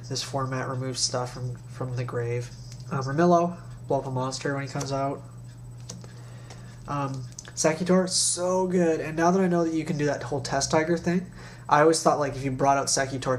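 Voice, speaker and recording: A young man with a stuffy, nasal voice from recent nose surgery, chatting casually and in slang as he hosts a deck review. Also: mid-range voice. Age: young adult. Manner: slangy, informal. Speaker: card game video host. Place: small bedroom, indoors. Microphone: webcam or laptop mic at desk distance. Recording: noisy webcam recording with hum.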